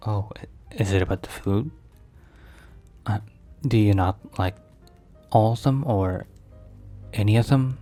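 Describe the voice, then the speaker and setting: In an ASMR boyfriend roleplay, a man plays an overprotective mafia boss, speaking in a lowish, darkish voice. His phrasing is formal and careful, broken by halting pauses as he tends to his partner, with music in the background.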